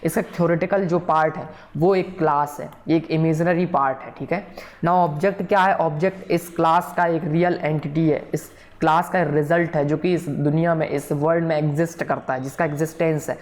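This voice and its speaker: A man's voice: a little high, steady tone, normal speed. A man teaching a programming class in a recorded tutorial, explaining patiently and checking in with listeners often. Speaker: programming instructor. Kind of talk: recorded coding tutorial lecture.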